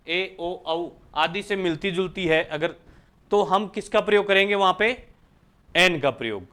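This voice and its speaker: Bright, crisp-voiced Indian man teaching. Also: sits high. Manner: repeatedly asks the class questions and answers them himself. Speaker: English grammar teacher. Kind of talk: Hindi lecture explaining English articles.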